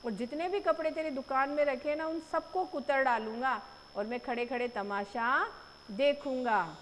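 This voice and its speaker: A woman's voice: high voice, unhurried. A woman voicing a cocky, boastful little male mouse who makes bossy threats in a sing-song chant. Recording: echoey room, faint noise.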